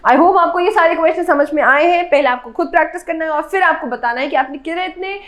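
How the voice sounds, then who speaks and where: A woman's voice: extremely high pitch, fast, fairly bright tone, echoey room. A woman with an Indian accent, explaining exam answers step by step and often checking "got it?". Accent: Indian English. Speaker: English teacher at a defence exam coaching class. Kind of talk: bilingual exam solution lesson.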